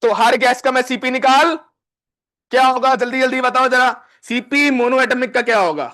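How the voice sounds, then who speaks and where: A male physics teacher with an Indian accent, lecturing a live class and quizzing students with quick questions. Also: extremely high pitch, fairly even intonation, pushed and bright. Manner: dictates questions slowly, word by word.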